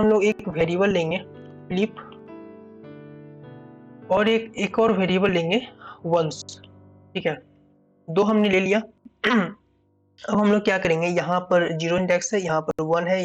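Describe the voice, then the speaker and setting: A man's voice: sits high, dull audio. A man teaching a coding problem step by step, thinking aloud, often repeating "ठीक है" and restarting phrases. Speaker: coding tutor.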